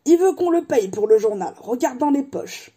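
A woman's voice: sits high, expressive, normal speed, dark tone, slightly rough, pitched above the performer's own voice. A woman reading a storybook aloud and voicing a big, proud, grumbling male giant in a raised, blunt voice.

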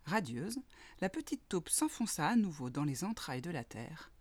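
A woman reading a children's story aloud, expressive and playful, with spoken sound effects. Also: sits low, moderate pace, no echo.

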